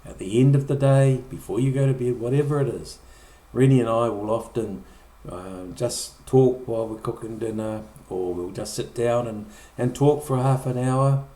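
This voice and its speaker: A man's voice: mid-range voice, normal speed, few pauses, mellow. A middle-aged man preaching a conversational sermon, often repeating or restarting words and acting out short quoted lines. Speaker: pastor. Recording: echoey room.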